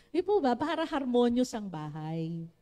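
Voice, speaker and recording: A woman with a Filipino accent preaching a sermon to a church congregation, with a naturally loud voice, often calling on the congregation to respond. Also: mid-range voice. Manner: switches between Tagalog and English, asks the congregation for responses.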